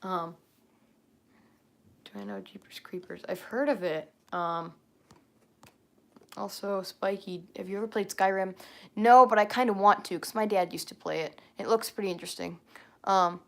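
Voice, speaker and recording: A woman's voice: mid-range voice, moderate pace, creaky, long pauses. A woman chatting casually on a home livestream, rambling and flustered, full of ums, sometimes dropping to a near whisper as she reads comments.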